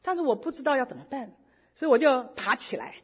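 A middle-aged woman with a high, husky voice shares a personal testimony. She tells her story in a lively way and drops English words in here and there. The recording sounds dull and lo-fi. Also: fast. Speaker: church member giving a testimony.

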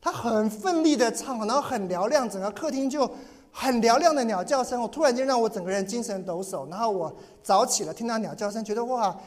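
A man's voice: extremely high pitch, animated, a little fast. A pastor preaching in earnest, telling a personal story and often repeating and restarting his words. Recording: long hall reverb.

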